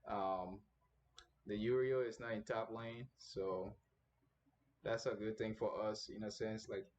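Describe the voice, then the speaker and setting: Young man, low voice, casual gameplay commentary, rambling, many fillers, faint background hiss. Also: steady tone, slow, darkish tone. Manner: rambling, filler-heavy, thinking aloud.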